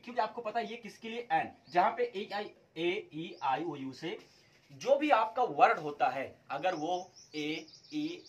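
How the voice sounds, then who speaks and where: Male English teacher, fairly high voice, walks students through each point and quizzes them. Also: fairly bright tone, highs cut off, slight background noise. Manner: explains step by step, asks students questions and answers them himself. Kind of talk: classroom-style video lesson.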